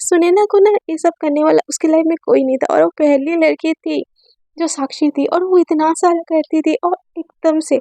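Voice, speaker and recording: High, creaky-voiced woman telling a story. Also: warm tone, no echo. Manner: chatty, mixes in English words, frequent filler asides. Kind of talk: casual spoken storytelling.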